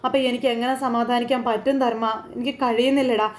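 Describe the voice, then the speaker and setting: A woman's voice: fairly high pitch, little pitch movement, fast talker, close to an everyday voice. A woman voicing a grieving middle-aged woman who pleads tearfully to see her brother. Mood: distraught pleading.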